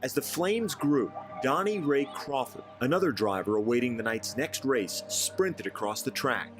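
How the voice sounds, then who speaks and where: A man giving scripted documentary narration with a measured, dramatic delivery. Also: mid-range voice, animated. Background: music.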